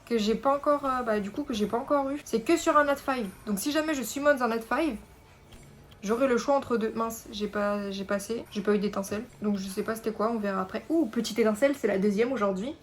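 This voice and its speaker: A woman's voice: a little high, fairly quick. A young woman chatting casually over mobile game summons, rambling with many fillers and self-corrections. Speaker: gaming YouTuber. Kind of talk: casual gameplay commentary.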